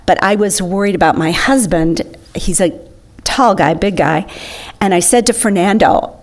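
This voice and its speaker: A woman's voice: fairly low pitch, normal speed. A woman giving an enthusiastic, chatty slideshow talk to an audience. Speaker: presenter.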